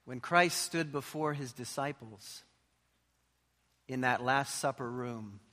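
A man's voice: mid-range voice, takes it slowly, sharp tone. A man preaching a church sermon and praying in an emphatic, exhortative way, with short repeated phrases and rhetorical questions. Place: large church hall. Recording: large reverberant hall, music behind.

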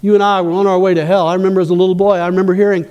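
A man's voice: high-pitched, level tone, rapid-fire, darkish tone, big-room sound, dull audio. A man preaching a sermon as pastor, asking the congregation questions as he goes.

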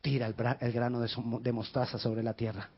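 A male pastor preaching a sermon with passion, rising to shouts and dropping to near whispers. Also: level tone, a little fast, breathy edge. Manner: impassioned, shouting in bursts then dropping low. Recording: dull lo-fi sound.

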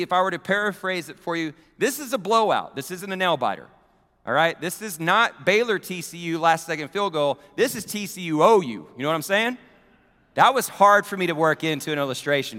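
A man preaching a sermon as pastor, emphatic, swelling to loud peaks and falling to near-quiet. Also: on the high side. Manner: emphatic, building to loud peaks then dropping soft. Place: church sanctuary. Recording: long hall reverb.

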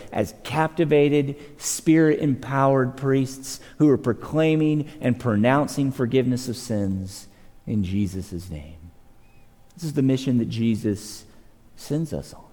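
A man's voice: a little slow, mellow. Earnest male preacher in a reverberant hall. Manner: earnest, repeats words, rises and drops in pitch for emphasis. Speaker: pastor. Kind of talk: sermon. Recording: long reverb of a church hall.

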